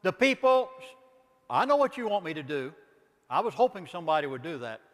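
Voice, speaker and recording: A man's voice: fairly high pitch, very animated, a little fast, big-room sound. An older man with a Southern accent, a pastor giving an impassioned lecture, emphatic and pleading, asking rhetorical questions.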